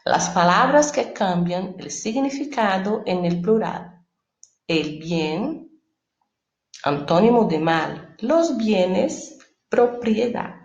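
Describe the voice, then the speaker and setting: Portuguese-speaking lady teaching a spanish class, bit of vocal fry, echoey room, keeps checking in with the class. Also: medium pitch, big pitch swings, takes it slowly, darkish tone, highs cut off. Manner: explains step by step, checks with "né?" and "tá bom?". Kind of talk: recorded lesson.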